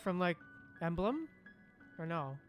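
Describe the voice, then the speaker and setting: Chatting casually while gaming, a livestream host often repeats phrases in reply to chat. The voice is mid-range, sing-song and slow, with music playing behind it.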